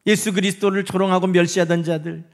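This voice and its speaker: Male pastor with a high-pitched voice, preaching in church; leans on rhetorical questions and slow, stressed scripture lines. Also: flat delivery. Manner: asks the congregation rhetorical questions; slows down to stress scripture phrases. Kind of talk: sermon. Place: church sanctuary.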